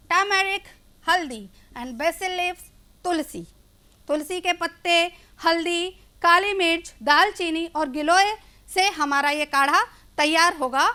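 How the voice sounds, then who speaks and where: A woman's voice: extremely high pitch, pushed and bright. A woman teacher, explaining English words in Hindi to children during a classroom lesson.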